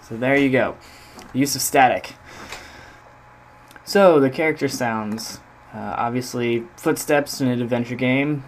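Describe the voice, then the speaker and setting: In a loose, hesitant walkthrough, a male game audio designer shows off a demo of his own project, seeming to think aloud as he goes. He speaks at a medium pitch over slight background noise.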